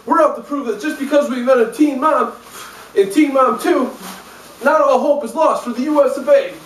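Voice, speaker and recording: A man plays a cocky, none-too-bright Olympic athlete in a parody news field report. The voice is strikingly high and declamatory, in a roomy, echoing space off the mic. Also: normal speed, slight background noise. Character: boastful, dim American Olympic athlete reporting in. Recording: roomy echo, distant mic.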